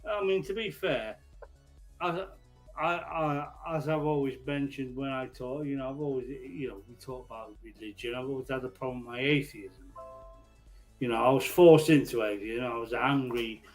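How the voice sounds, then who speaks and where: A man chatting casually on a livestream panel, rambling and halting, with slow, drawn-out, repetitive speech. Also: medium pitch, soft background music, rough recording. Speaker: panel caller and channel supporter.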